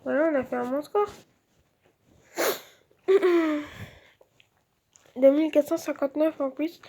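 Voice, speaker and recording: A woman's voice: sits high, fairly even intonation, unhurried, creaky, mellow. A woman giving casual let's-play commentary, chatty and thinking aloud with lots of filler words.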